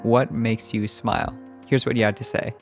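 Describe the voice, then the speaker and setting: A man from Canada hosting a podcast, asking friendly, curious questions in a relaxed interview chat. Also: lowish voice, moderate pace, creaky, soft background music. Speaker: podcast host.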